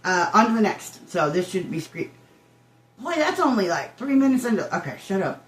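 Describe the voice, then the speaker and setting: A woman's voice: mid-range voice, very animated, normal speed. An older woman giving a casual reaction commentary, rambling and interrupting herself like a chatty old woman. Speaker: reaction video host. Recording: roomy echo, guitar music behind.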